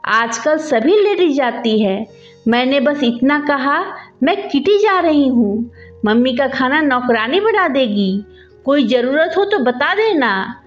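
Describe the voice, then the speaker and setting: A woman's voice: sits high, expressive, slow, echoey room, dull audio, soft background music. A woman voicing a spoiled young married daughter who complains tearfully.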